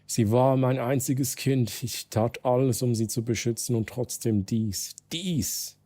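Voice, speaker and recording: A man's voice: medium pitch, a little slow, dark tone, lightly acted. A man with a Swiss German accent reading out the texts of a desperate, grieving mother. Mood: pleading. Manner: pleading, anxious, read-aloud text messages.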